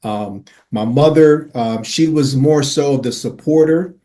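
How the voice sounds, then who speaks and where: A man in his forties from Miami, Florida, tells his life story earnestly as a podcast guest, using casual slang and many "uh"s and "right?"s. His mid-range voice is slow and dark in tone.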